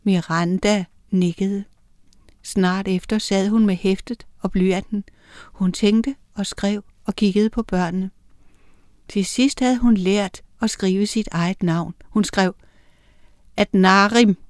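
A woman narrating a children's audiobook, reading with lively character voices. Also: medium pitch, dry recording, studio quality.

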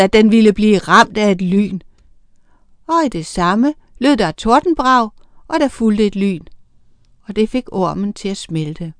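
A woman narrating a children's storybook in a lively, expressive reading voice. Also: medium pitch, no echo.

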